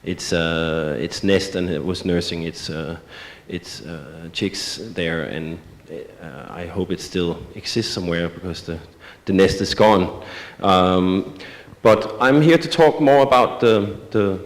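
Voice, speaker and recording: A low-voiced man presents his art at a symposium, stopping often with filler sounds and restarts. His voice carries the long reverb of a large auditorium. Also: slow pace. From Denmark. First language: Danish. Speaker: artist presenting his work. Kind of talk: symposium talk. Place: museum auditorium.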